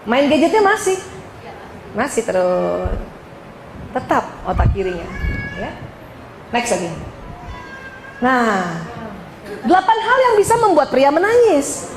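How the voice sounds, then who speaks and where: A woman's voice: sits high, takes it slowly, long pauses, echoey room, a little hiss or hum, poor audio. A woman from Indonesia giving a religious lecture to women, joking and speaking straight to her audience. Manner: lively, joking, addresses audience directly.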